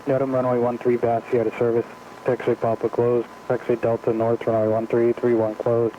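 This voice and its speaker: Rapid monotone airport weather broadcast, man. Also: mid-range voice. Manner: rapid monotone reading of weather and airfield notices. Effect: recorded airport weather broadcast over aviation radio. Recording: muffled aviation radio with faint static.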